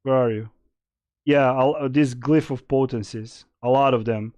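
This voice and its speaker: A man's voice: mid-range voice, fairly even intonation, normal speed, darkish tone, no echo, dull audio. A young man from Serbia, casually streaming and answering chat questions in a rambling way with many fillers. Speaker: game streamer.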